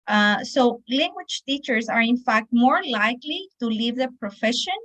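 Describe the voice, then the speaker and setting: A woman with a Mexican accent and Spanish as her first language gives an academic presentation as a teacher, explaining in a halting way with frequent pauses. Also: on the high side, lively intonation, a bit bright.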